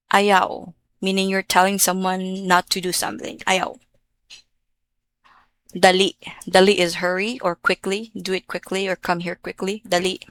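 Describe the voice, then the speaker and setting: A woman teaching vocabulary slowly in a casual lesson, repeating each word and explaining its pronunciation. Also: lowish voice, a bit bright, no echo. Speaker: language teacher.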